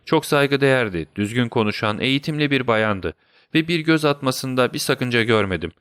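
A man's voice: mid-range voice, animated, moderate pace, fairly bright tone, smooth, no room sound, studio quality, natural voice. A man voicing a nervous, apologetic police constable who explains himself in a deferential way in a storybook reading.

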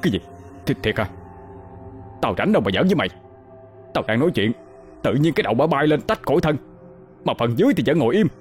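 A man's voice: fairly low pitch, lively intonation, brisk, pauses often, faint music behind, natural voice. A man doing a sly stammering henchman. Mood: panicked. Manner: stammering when frightened.

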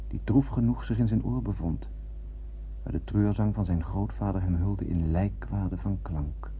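In a literary radio drama, a male actor with a low-sitting voice narrates as a grave, troubled spaceship crewman telling his tale. He speaks in a solemn, deliberate, poetic manner. The recording is a dull old radio-play recording with faint hiss.

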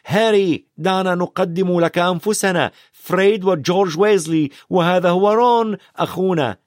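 A man's voice: high voice, no echo, clean studio sound, pitched above the performer's own voice, lightly acted. A man doing cheeky teenage twin boys. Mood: cheerful. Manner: playful, quick and loud.

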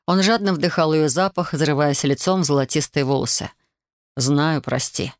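A narrator reading an audiobook in an intimate, unhurried way. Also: medium pitch, no room sound, clean studio sound.

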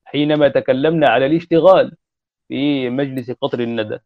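A man giving a classroom grammar lecture, repeating and spelling out word forms deliberately. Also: medium pitch, no room sound. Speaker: grammar teacher. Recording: dull lo-fi recording.

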